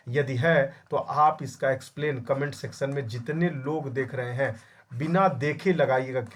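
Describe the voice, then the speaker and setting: A young man teaching a Hindi grammar exam-prep class, scolding his students and drilling answers by repeating each question. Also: mid-range voice. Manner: scolding, calls students "my child". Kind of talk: online class lecture.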